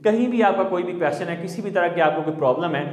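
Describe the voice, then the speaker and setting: A man's voice: high voice, fast. Lecturing man in an echoey room. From Pakistan. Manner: explanatory, repeats points and checks in with the listener. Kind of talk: recorded classroom lecture. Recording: echoey room with long reverb.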